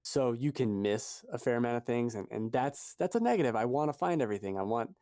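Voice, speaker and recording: A man's voice: medium pitch, lively intonation, a little fast, warm tone, no echo, clean studio sound. A man co-hosting a podcast in casual chat, rambling and correcting himself as he goes. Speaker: podcast co-host.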